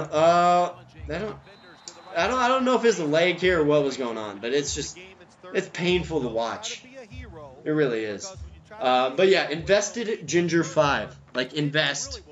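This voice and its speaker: A man's voice: fairly high pitch, lo-fi sound. A man giving casual, rambling commentary over a video game, full of ums and side tangents, recorded at home. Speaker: gameplay commentator. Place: at home, neighbor's music nearby.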